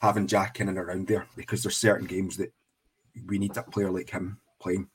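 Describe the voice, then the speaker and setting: A man's voice: low voice, little pitch movement, a little fast, slight background noise. A Scottish man co-hosting a casual football podcast, earnestly building his argument at length. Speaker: podcast co-host.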